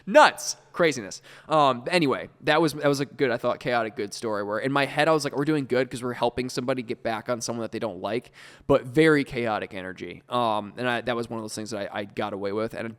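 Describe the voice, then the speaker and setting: A man's voice: medium pitch, fast, in a large hall. A man co-hosting a podcast, telling a story in casual, rambling chat. He swears freely and laughs his way through it. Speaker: podcast co-host.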